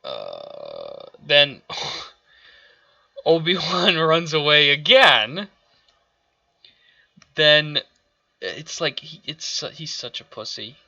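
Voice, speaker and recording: A man's voice: fairly high pitch, wildly swooping pitch, very slow, creaky, long pauses, sharp tone, no room sound, dull audio. A man ranting through a show review, exasperated and profane, stumbling over restarts as he vents. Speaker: video reviewer.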